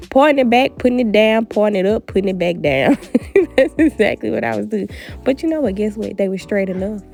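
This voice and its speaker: A woman's voice: medium pitch, fairly quick, vocal fry, soft background music. A woman vlogging a hair tutorial at a family home, chatty and playful, talking straight to her viewers. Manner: animated, playful, talks straight to viewers with "honey" and "baby".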